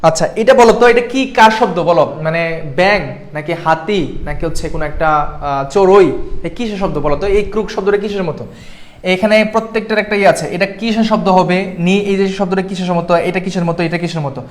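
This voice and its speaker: A young man from Bangladesh tutoring students in a live online class, asking them questions and checking in with them often. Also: high voice. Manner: quick, keeps checking in with the class. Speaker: admission exam tutor.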